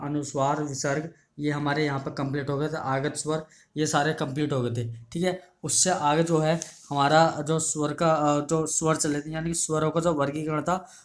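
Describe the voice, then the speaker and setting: A male teacher giving an online exam-prep lesson, explaining patiently, repeating key terms and asking the class questions. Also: fairly high pitch. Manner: ends phrases with "ठीक है" checks.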